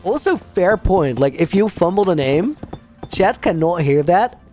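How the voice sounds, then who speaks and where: A man's voice: high voice, expressive, measured pace, warm tone, soft background music. A man streaming a game, chatting casually with viewers, rambling and laughing often while reading out names. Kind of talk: casual livestream chat while playing a game.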